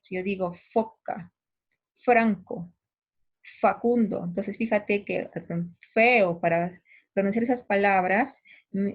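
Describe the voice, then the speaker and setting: A woman's voice: medium pitch, vocal fry, breathy edge. A woman teacher giving a recorded lesson, patiently demonstrating sounds aloud and checking that the listener follows. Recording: tinny phone-like recording.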